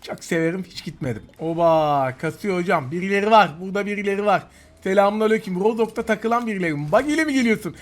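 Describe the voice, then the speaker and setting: A man giving live gameplay commentary, excitable and taunting his opponents while he talks to viewers. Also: high-pitched, quick pace, a little hiss or hum. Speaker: gaming YouTuber. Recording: game gunfire loud behind voice.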